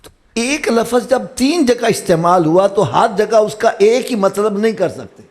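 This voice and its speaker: A man with a Pakistani Punjabi accent preaching a sermon at a live religious gathering, moving from low explaining to high shouted exhortation. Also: expressive.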